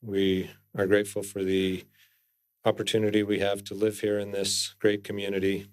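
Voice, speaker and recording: A man's voice: on the low side, completely flat delivery. A city council member, a man, offers a solemn formal prayer into a podium microphone in a council chamber. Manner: solemn, measured, reverent wording.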